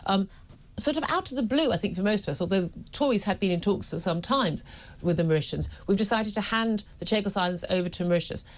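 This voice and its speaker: Fast-talking woman radio host. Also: animated. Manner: forceful, emphatic, quick pitch jumps on rebuttals. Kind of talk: opinionated talk radio debate.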